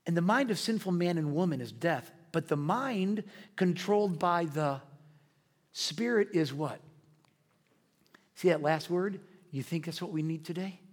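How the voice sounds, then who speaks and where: A man preaching a sermon as pastor, swinging between loud, riled-up delivery and hushed, quiet asides. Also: fairly high pitch, animated, measured pace. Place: church sanctuary. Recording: long hall reverb.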